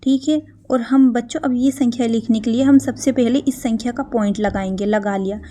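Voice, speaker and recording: A woman with a slightly high, mellow voice teaching a math lesson to children. She explains each step patiently and keeps checking that the kids understand. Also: moderate pace, a little hiss or hum.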